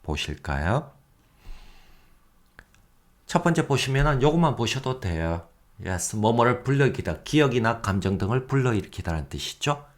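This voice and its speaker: A man teaching English vocabulary in a recorded lecture, reading example sentences slowly and adding joking asides about himself. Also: medium pitch. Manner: lively, self-mocking asides with chuckles.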